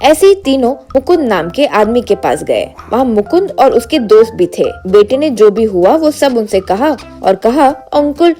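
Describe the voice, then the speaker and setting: A woman's voice: medium pitch, mellow. A woman narrating a cartoon story steadily.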